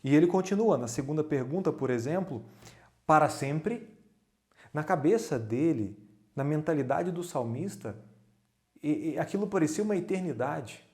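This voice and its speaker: A man preaches in a church, his voice sitting a little high yet mellow and warm. He slips into the psalmist's voice to pray aloud in the first person and stacks repeated phrases one after another for emphasis. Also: lively intonation, moderate pace. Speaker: pastor. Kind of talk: sermon.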